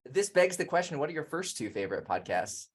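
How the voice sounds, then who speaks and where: A man's voice: a little high, big pitch swings, quick pace, breathy edge. A man in his thirties, a podcast guest who grew up in Indonesia, talking casually in a chatty, self-deprecating way with many fillers. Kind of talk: casual conversation.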